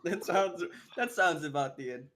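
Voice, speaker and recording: A man's voice: fairly high pitch, animated, moderate pace, fairly bright tone. A man playing a tabletop game who makes dry, joking remarks. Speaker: player. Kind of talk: casual tabletop play.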